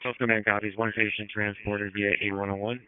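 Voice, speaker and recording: Low, even fire commander on radio. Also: male voice, clean tone. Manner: brisk, procedural firefighter radio talk. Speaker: fire battalion chief, incident commander. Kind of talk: fire radio dispatch traffic, clipped commands. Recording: narrow-band two-way radio transmission.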